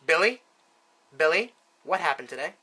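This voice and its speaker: Storyteller playing an angry father, stern demands, bright voice. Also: lively intonation, moderate pace, slightly rough. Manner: menacing low questions, then yelling. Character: volatile, violent father.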